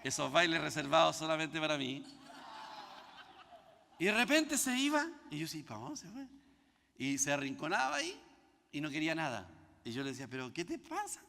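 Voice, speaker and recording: A man's voice: fairly high pitch, fairly quick, creaky, pauses often, in a large hall. A Chilean man preaching as a pastor, teaching through a story and acting out both sides of the dialogue. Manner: animated, acts out dialogue in quoted voices. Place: church.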